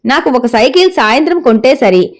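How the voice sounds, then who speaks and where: A woman voicing a modest, soft-spoken young college student in a read-aloud story, with a gentle, polite manner. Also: sits high, animated, normal speed.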